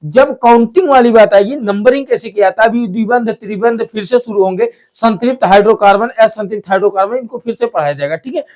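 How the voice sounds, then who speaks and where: High-voiced chemistry teacher. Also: male voice, brisk, hardly any pauses, darkish tone. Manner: repeats terms, asks and answers own questions. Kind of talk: classroom lesson explanation.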